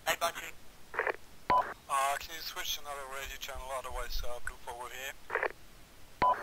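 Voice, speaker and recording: A man leads his squad over an in-game radio transmission, keeping to clipped military radio procedure. His medium-pitched voice comes through with loud noise and clicking on the channel. Every line is a short, direct command. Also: a little slow.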